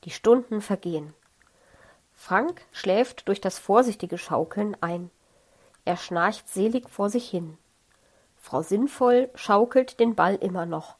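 A woman narrating a children's storybook audiobook in a calm, measured way. She reads slowly and steadily at a middle pitch, unhurried and clear.

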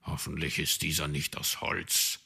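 Dude doing a grumpy doubting raven that goes kra, raspy bright edge, low-ish. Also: male voice, animated, takes it slowly, full character voice. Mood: skeptical. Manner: skeptical, caws "Kra". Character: doubtful, grumbling male raven. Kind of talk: storybook read-aloud.

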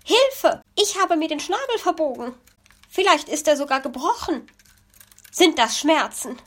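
Woman doing a shrill nosy magpie lady. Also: big pitch swings, measured pace, fairly bright tone, full character voice. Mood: shrill, indignant. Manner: shrill, dramatic complaining. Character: fussy nosy female magpie, easily outraged. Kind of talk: storybook reading.

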